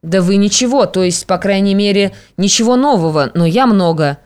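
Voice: medium pitch, normal speed, smooth, close to an everyday voice. A reader voicing a cold, resolute young woman who rejects her lover sharply, in an audiobook. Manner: cold and sharp, turning to fury. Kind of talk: audiobook character reading.

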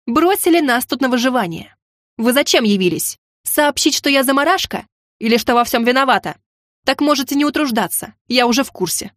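A woman's voice: high-pitched, animated, fairly quick, fairly bright tone, no room sound, studio quality. A woman voicing a fed-up young woman who answers sharply and defiantly. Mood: angry.

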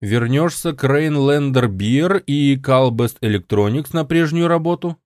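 A man voicing a calm, practical male radio colleague in an audiobook, speaking higher than his own voice. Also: a little slow, no room sound, clean studio sound, lightly acted.

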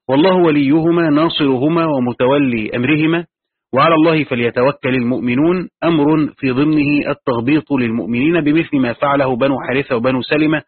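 Guy reading and explaining a tafsir text, quick, husky, tinny lo-fi sound. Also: mid-range voice, no room sound. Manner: reads the text aloud, then adds his own explanations. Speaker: sheikh teaching Quran commentary. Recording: tinny phone-like lo-fi recording.

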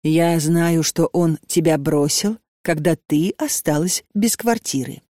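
A woman voicing a calm, persuasive old matchmaker woman who speaks gently and patiently. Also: low-pitched, slow, no echo, studio quality. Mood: coaxing.

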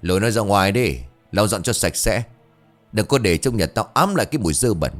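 A man voicing a cold, cruel rich landlord who barks orders at his servant in a low, flat voice. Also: a little fast, faint music behind, lightly acted. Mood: cold commanding. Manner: cold, commanding.

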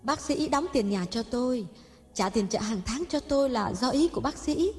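A woman voicing a young mistress in her twenties who speaks calmly and politely with cold mockery, in an audio story. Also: on the high side, normal speed. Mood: cool mocking. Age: 20s. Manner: calm, polite, coldly mocking. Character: young mistress, cool and cutting. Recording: long hall reverb, faint music.

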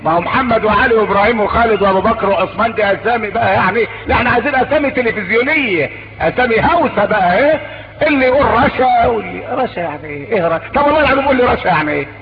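Male Egyptian preacher, very high, quick delivery, animated, mocking; old muffled noisy tape. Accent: Egyptian Arabic. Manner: animated, mocking asides, acting out dialogue. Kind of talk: sermon. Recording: dull lo-fi tape with background noise.

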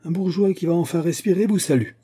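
A man reading the part of a proud, hot-tempered aging musketeer captain in an audiobook, with sharp, indignant retorts. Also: high voice, fast talker, husky, voice pushed up.

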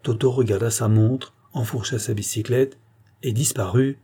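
A man reading a novel aloud as narrator in a measured, even manner. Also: mid-range voice, husky. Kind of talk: audiobook narration.

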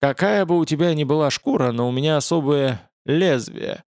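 Sarcastic male fallen angel, voiced by the narrator, slow offhand jabs, fake-casual menace; dry, close read. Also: fairly high pitch, a little mellow, no echo, lightly acted. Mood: mocking. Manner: mocking, deliberately casual. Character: sardonic male fallen angel, cruel and mocking.

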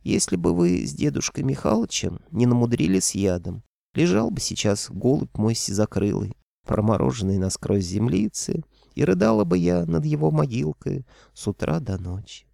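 A man's voice: mid-range voice, sing-song, normal speed, vocal fry, dark tone, dry recording, studio quality, voice pushed up. A man voicing a melodramatic female demon in a sing-song lament, in an audiobook. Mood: mournful wailing.

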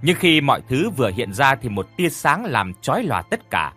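A male storyteller narrates a horror tale in an expressive, dramatic way. His pitch moves lively up and down. Faint music plays underneath. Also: moderate pace, breathy edge.

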